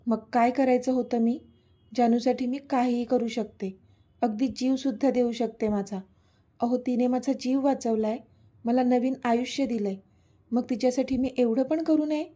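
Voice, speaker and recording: A woman's voice: a little high, fairly even intonation, moderate pace, warm tone, natural voice. A woman voicing an irritated young woman who pushes back defiantly, in a storybook reading. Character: young woman, angry and proud heroine.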